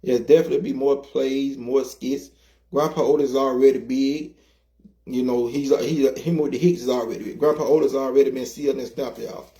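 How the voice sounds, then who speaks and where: A man's voice: medium pitch, fairly even intonation, brisk, dark tone. A man co-hosting a casual interview, earnest and preacherly, repeating himself for emphasis. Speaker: co-host, comedy skit creator.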